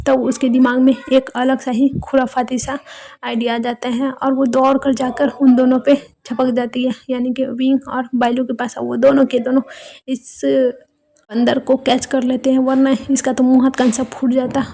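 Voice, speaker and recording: A woman retelling a fan story in a chatty, loose way, dropping in fillers as she goes. Her voice is high and mellow, and she keeps it on a flat, narrow melody. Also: vocal fry. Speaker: story narrator. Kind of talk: casual storytelling narration.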